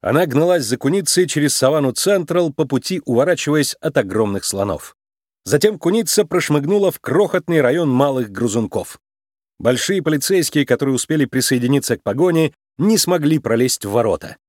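A man narrating a children's storybook in a lively, expressive reading style. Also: on the high side, fairly quick, dry recording, clean studio sound.

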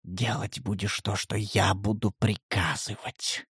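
A menacing young half-elf snarls his threats in a low, hissing growl, as a male audiobook reader puts him on. The voice sits well below the reader's own, close and dry with no room sound. Storybook villain-turned-victor energy. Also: normal speed, breathy edge, no room sound.

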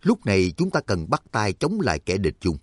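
A man's voice: fairly low pitch, wildly swooping pitch, moderate pace, husky, no room sound, studio quality, exaggerated voice. A man voicing a terse, guarded soldier in an audiobook. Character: calm, guarded male soldier.

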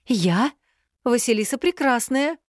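A woman voicing a young bride who babbles flippant nonsense in a higher, lively voice. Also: measured pace, dry recording, studio quality.

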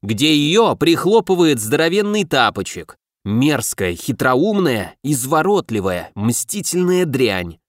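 A man's voice: mid-range voice, big pitch swings, slow, no room sound, clean studio sound. A man voicing a sarcastic, pompous male sword possessed by a fallen god, speaking in a theatrical, grumbling manner in an audiobook. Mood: haughty. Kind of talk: audiobook character voice.

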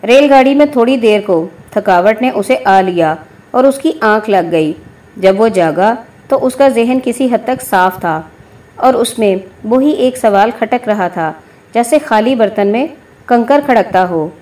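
A woman narrating a novel aloud in a measured, even storytelling manner. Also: on the high side.

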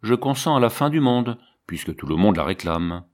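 A man's voice: fairly low pitch, sing-song, normal speed. A man reading the lines of a mocking old monk who works as the convent gardener, with a wry, teasing manner.

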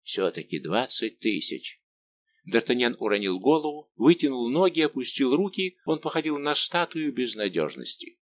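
A man narrating an audiobook in a measured, even way. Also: medium pitch, slight background noise. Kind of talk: scripted narration.

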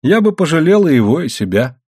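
A man's voice: a little high, very animated, brisk, darkish tone, slightly rough, no echo, clean studio sound, voice pushed up. A man voicing a fiery, anxious young woman who pleads with and scolds her lover in an audiobook reading. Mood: pleading. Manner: pleading, exasperated.

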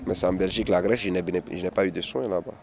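A man's voice: low-pitched, fairly even intonation, rapid-fire, vocal fry, a little mellow, a little hiss or hum. A man speaks as an interviewee. He talks with many hesitations, repeated words and restarts. He is recorded outdoors in a city. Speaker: interviewee, migrant activist. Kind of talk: candid interview testimony.

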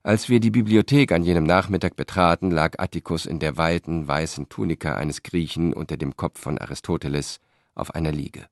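Deep-voiced male audiobook narrator. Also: brisk, no echo, clean studio sound. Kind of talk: scripted narration.

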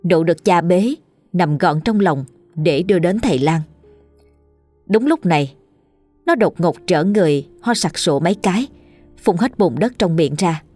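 A woman tells a scripted ghost story in a steady, even narrating voice. Her pitch sits on the lower side, and soft music plays faintly beneath her words. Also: normal speed, pauses often, no echo.

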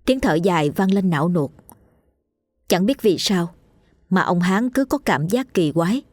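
A woman narrating a ghost story audiobook in a steady, solemn manner. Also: fairly low pitch, measured pace, no room sound, studio quality. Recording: faint music behind. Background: faint background music.

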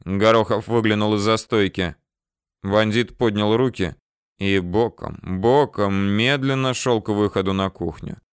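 Slow, smooth male audiobook narrator. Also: on the low side, no room sound, clean studio sound. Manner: measured, unhurried storytelling. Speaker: audiobook reader. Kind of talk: scripted narration.

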